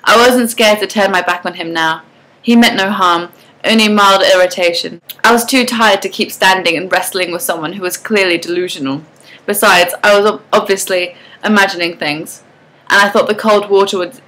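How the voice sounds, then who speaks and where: A woman reading a first-person novel aloud in an expressive, animated storytelling manner. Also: medium pitch, low-quality recording. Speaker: reader of a novel.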